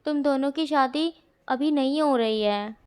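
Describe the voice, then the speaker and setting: A woman's voice: sits high, unhurried, a little mellow. A woman voicing amused older women who tease while holding back laughter in a storybook reading. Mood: teasing.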